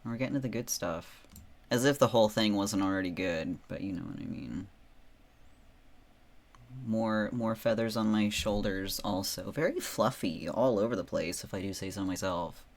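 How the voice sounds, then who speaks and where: A man's voice: fairly low pitch, normal speed. A man chatting casually on a livestream in a playful, theatrical way, boasting with tongue in cheek.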